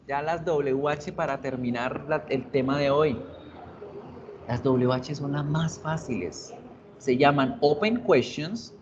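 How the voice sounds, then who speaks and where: A man's voice: a little high, lo-fi sound, background noise. A man teaching a basic English class online in Spanish, explaining patiently and mixing in English phrases. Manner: slow, explanatory, switches between Spanish and English.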